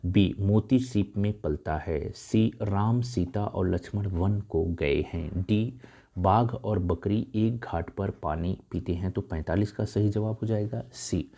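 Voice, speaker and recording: A man teaching grammar, going through exam questions one by one, reading the options slowly and then explaining the corrections quickly. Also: fairly low pitch, dark tone. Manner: addresses viewers as dear friends. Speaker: Hindi exam tutor. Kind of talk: exam answer walkthrough.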